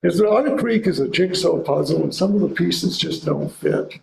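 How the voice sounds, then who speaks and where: Fairly high and creaky, moving at a moderate pace, a man's voice fills a library meeting room as he gives a talk on local history and then fields questions. He hedges and reconsiders, restarting phrases; the recording is echoey with a faint hiss.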